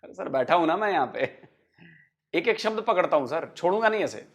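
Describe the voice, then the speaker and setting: A man's voice: on the high side, lively intonation, brisk. Emphatic man hosting a reaction video. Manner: emphatic, argumentative, addresses viewers. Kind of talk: reaction commentary.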